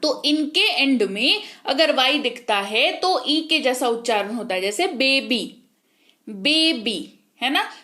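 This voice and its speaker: A woman's voice: on the high side, sharp tone. A woman teaching English spelling, patiently spelling words letter by letter and checking in often. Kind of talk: spoken English lesson.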